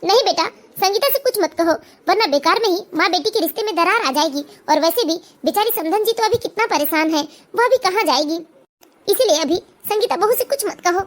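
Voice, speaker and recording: A woman voicing a kind, trusting middle-aged mother-in-law in a cartoon, with gentle, soft-hearted speech. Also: very high-pitched, expressive, fairly quick. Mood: hurt. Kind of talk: cartoon voice acting.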